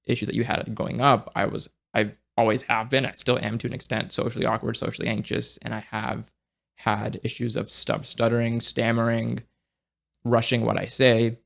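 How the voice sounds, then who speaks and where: In an easygoing conversation, a young man with a mid-pitched, gravelly voice thick with vocal fry keeps tripping over his words. He's reflective and halting, groping for phrasing amid frequent restarts and fillers.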